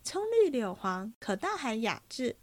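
A woman reading aloud and voicing a lively fifteen-year-old maid who talks in a bright, chatty, teasing way. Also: on the high side, unhurried, no room sound. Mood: cheerful.

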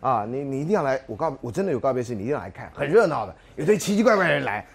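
A man's voice: medium pitch, racing, gravelly, slightly rough. A man, a university lecturer telling classroom anecdotes, acting out dialogue and asking rhetorical questions. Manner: animated storyteller, acts out dialogue, frequent rhetorical questions.

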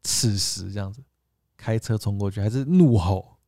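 A man's voice: fairly low pitch, moderate pace, no room sound, studio quality. A man with a Taiwanese Mandarin accent, co-hosting a podcast and telling a story in a casual chat, acting out the people he quotes. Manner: animated, acts out quoted voices. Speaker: podcast co-host.

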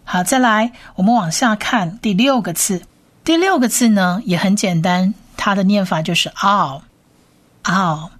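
Slow, patient woman teaching Hebrew. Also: mid-range voice. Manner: patient, spells out sounds and repeats each word. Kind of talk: slow reading lesson with repetition.

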